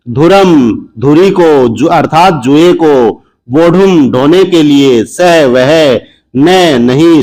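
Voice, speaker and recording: A man explains a textbook passage in a deliberate, unhurried way. He says each word, pauses, then gives its meaning, and at the end of each sentence he repeats the whole line. His voice sits a little high for a man, and he keeps a patient, steady rhythm. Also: low-quality recording. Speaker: teacher. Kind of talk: word-by-word textbook translation lesson.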